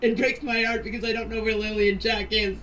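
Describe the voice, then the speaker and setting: An older woman, a grandmother answering questions in a group voice chat, makes an emotional personal statement through voice messages. She's plain-spoken, pleading, and insistent, with a slightly high, fairly bright voice that moves quickly and barely shifts in pitch. The amateur recording sounds distant and noisy.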